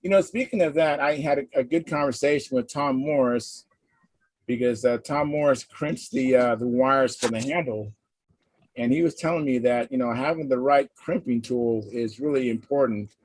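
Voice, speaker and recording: A man's voice: mid-range voice, normal speed, a little mellow, dry recording, low-quality recording. Man hosting a casual livestream, dry close sound. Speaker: host of a hobby livestream hangout. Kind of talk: casual chat, reading out viewer comments. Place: live online video hangout.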